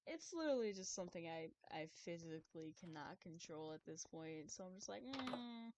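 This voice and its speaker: A woman's voice: deep voice, expressive, brisk, background noise. Young woman rambling through game commentary. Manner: rambling, self-deprecating, laughs often, swears casually. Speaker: game streamer. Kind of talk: casual gameplay commentary.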